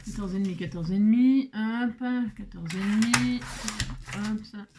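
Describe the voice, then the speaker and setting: A woman with a mid-pitched voice walks the viewer through a craft project at her table at home. She talks in a loose, chatty way, stops to check that the viewer is following, and fills the pauses with small fillers while her hands are busy. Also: over loud music. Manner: thinks aloud with many fillers while working. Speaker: craft tutorial host. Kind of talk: casual step-by-step craft demonstration.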